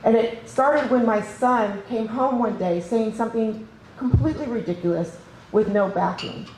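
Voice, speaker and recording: A woman's voice: a little high, a little mellow, a little hiss or hum. A woman hosting a conference, giving an enthusiastic, chatty welcome speech with frequent laughs. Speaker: conference host. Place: large conference room. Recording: echoey event room, faint ambience.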